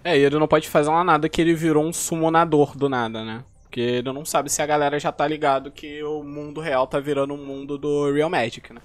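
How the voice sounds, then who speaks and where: A man's voice: a little high, flat delivery, quick pace, few pauses, no echo. Slangy Brazilian man thinking aloud. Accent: Brazilian Portuguese. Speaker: host reacting to a novel reading. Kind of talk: casual commentary.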